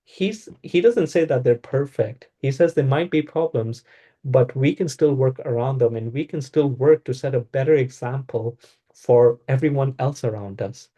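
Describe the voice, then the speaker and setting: Dark-voiced man explaining with fillers. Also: mid-range voice, moderate pace. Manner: hesitant, restarts with fillers. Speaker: discussion presenter. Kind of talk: casual spiritual discussion.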